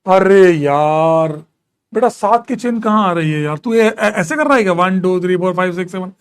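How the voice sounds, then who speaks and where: A man with a high voice teaches a live online chemistry class, counting atom numbers aloud and mixing English terms into his talk. He reads out student questions and answers them, teasing and jokingly scolding the class. His pitch sits well above most men's. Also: animated, fast, fairly bright tone.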